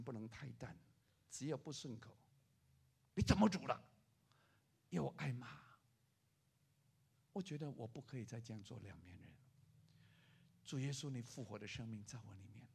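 An older man preaching a sermon as a pastor, telling a story with lively acted-out voices for the people in it. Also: mid-range voice, gravelly, slightly rough. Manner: animated preaching, acting out the people in his story.

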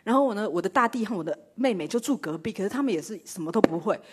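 A woman's voice: mid-range voice, expressive, very fast, a little mellow, slightly rough. A middle-aged woman preaching a sermon and telling a personal story, with rhetorical questions and self-mocking humor. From Taiwan. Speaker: church speaker.

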